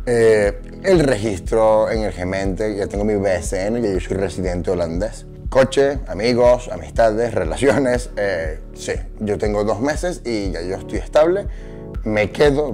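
A man in his thirties with a Venezuelan Spanish accent and a lowish voice tells his story in a relaxed interview, hesitating often and repeating words for emphasis. He sits on a sofa in a bright indoor room, and the roomy recording has music underneath.

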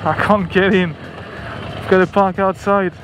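A man's voice: high-pitched, little pitch movement, unhurried, background noise. A man from France with a French accent, giving casual, enthusiastic and exclamatory vlog commentary out on a motorbike trip. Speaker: motorcycle travel vlogger. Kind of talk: casual vlog commentary while riding, chatting to passers-by. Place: outdoors on a motorbike and at an event ground.

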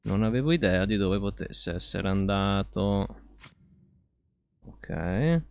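A man streaming a horror game live, reacting loudly, swearing and reading the game's text aloud. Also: low-pitched, expressive, slow, vocal fry, smooth.

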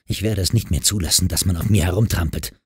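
Audiobook: male narrator doing a scornful teen girl, husky and low, dry sound. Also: fast talker, no echo. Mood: defiant. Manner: defiant, scornful. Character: bitter, hostile teenage girl, on the edge of tears.

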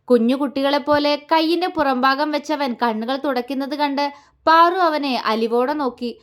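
A woman reading an emotional romance audio story, dramatic and heartfelt. Her voice is high and clear throughout. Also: moderate pace. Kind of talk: scripted narration.

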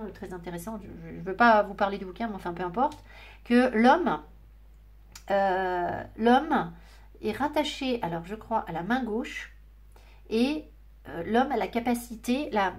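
A woman giving a tarot and oracle card reading, musing aloud in a chatty way with many fillers and restarts. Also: mid-range voice. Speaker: tarot reader. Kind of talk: casual spiritual card reading.

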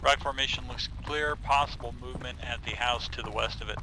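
Man, helmet radio transmission, fast clipped military calls, noisy channel. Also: mid-range voice, steady tone. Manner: clipped, matter-of-fact reports. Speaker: squad member reporting over radio.

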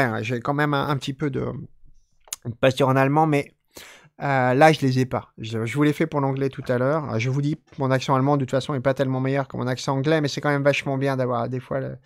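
A man hosting a live poetry reading, reciting texts slowly and deliberately and chatting casually with listeners between poems. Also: mid-range voice, no room sound, clean studio sound. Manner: slow measured recitation, then chatty offhand remarks. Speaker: poetry reader and stream host.

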